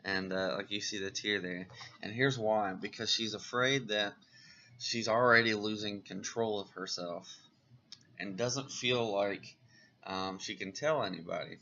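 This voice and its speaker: A man's voice: lowish voice, measured pace, creaky, bright, forceful tone, slight background noise. A man casually reviewing comic books on a vlog, who talks in an enthusiastic, rambling way with many fillers, on a dull lo-fi recording.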